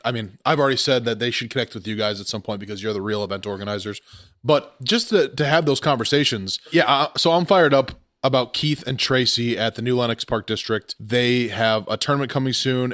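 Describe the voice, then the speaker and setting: A man hosting a podcast in casual, informal chat, with an excitable manner and a scratchy throat after surgery. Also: medium pitch, brisk, no room sound, clean studio sound. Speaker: podcast host.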